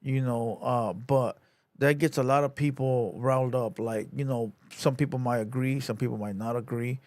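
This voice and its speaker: A man's voice: medium pitch, steady tone, moderate pace, a little mellow. Laid-back man hosting a livestream. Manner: laid-back slang, lots of "you know" and "bro". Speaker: livestream host. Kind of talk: casual livestream commentary.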